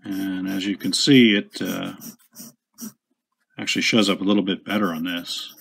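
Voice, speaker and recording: A man casually demonstrating a writing instrument at his desk, chatty and unhurried, with small asides and self-corrections. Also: deep voice, fairly even intonation, creaky, a bit bright, slightly rough. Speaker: pen shop owner demonstrating a product.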